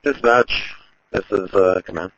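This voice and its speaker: A man's voice: low-pitched, unhurried, vocal fry, a bit bright, dry recording. A man acting as incident commander, giving urgent firefighter radio orders in a directive way over a two-way radio. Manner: directive, repeats information back. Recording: dull, dry two-way radio.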